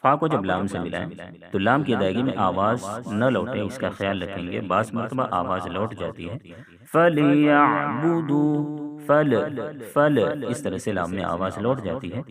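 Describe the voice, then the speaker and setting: A man teaching Quran recitation rules step by step, calmly explaining each letter. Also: low-pitched, a crowd in the background. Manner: explains rules calmly, then chants verses slowly. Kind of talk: step-by-step tajweed lesson.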